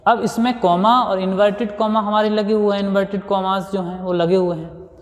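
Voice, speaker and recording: Patient Indian teacher in an echoey room. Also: male voice, high-pitched, flat delivery, brisk. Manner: patient, explanatory, repeats and restates points. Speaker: school teacher. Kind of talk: classroom grammar lesson. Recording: echoey room with long reverb.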